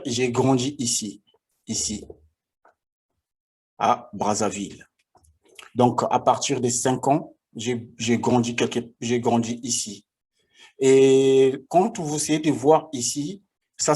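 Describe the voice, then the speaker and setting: Slow, halting man in his forties. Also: medium pitch, mellow. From Republic of the Congo. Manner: halting, repeats himself, frequent hesitations. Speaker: vlogger. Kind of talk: personal storytelling vlog.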